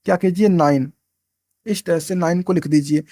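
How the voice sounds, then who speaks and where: A man's voice: fairly high pitch, fairly even intonation, moderate pace, mellow, dry recording, clean studio sound. A man teaching a maths lesson step by step, asking and answering his own questions and repeating himself. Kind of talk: explaining at a board, step by step.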